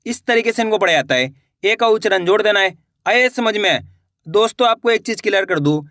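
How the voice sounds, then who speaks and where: A man teaching beginners to read, sounding out syllables slowly one by one and answering his own questions. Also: high voice, sharp tone, dry recording, clean studio sound. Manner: slow, drilled syllable-by-syllable sounding out; asks the viewer questions, then answers them himself. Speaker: Hindi reading teacher. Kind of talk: online reading lesson for beginners.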